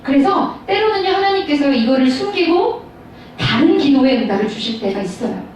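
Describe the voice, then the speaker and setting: Animated woman preaching in an echoey hall. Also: high-pitched, fairly quick. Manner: storytelling, animated, addresses audience directly. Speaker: pastor. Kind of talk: sermon to high school students. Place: large school hall. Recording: echoey hall, mic far off, faint noise.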